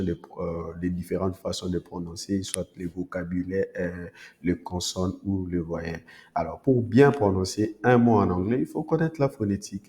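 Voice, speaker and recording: A man's voice: low voice, mellow, long reverb tail. A man teaching a pronunciation lesson, explaining step by step, often checking in with "ok?" and repeating model words aloud. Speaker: English teacher. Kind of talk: spoken lesson.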